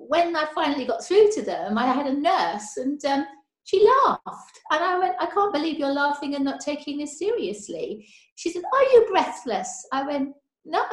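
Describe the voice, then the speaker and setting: Woman interviewee, nurse, conversational storytelling, slightly high voice, roomy echo. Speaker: respiratory nurse being interviewed. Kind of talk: personal account in an interview. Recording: roomy, echoey call audio.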